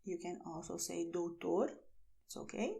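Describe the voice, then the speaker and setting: A woman teaching a language lesson, saying phrases slowly and then explaining them. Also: lowish voice, creaky, mellow. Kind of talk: slow, clear language lesson.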